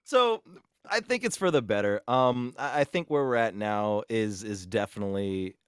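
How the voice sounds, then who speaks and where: A man speaking as a podcast guest, self-described awkward, talking in halting bursts with many restarts and jumping much higher and louder when he acts out a story. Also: expressive, smooth, dry recording, studio quality. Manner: jumps high and loud when acting out stories. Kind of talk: casual podcast conversation.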